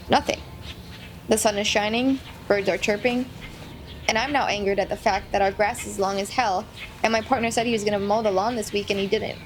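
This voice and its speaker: Wry storytelling woman over soft music. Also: medium pitch. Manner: wry, expressive storytelling with comic asides. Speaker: vlogger. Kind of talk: storytelling narration.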